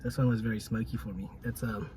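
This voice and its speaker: A man's voice: fairly low pitch, flat delivery, fast, mellow, husky. Rambling man chatting mid-snack. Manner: rambling, full of "like" and filler words; talks while chewing. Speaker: podcast co-host. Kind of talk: casual chat while tasting food.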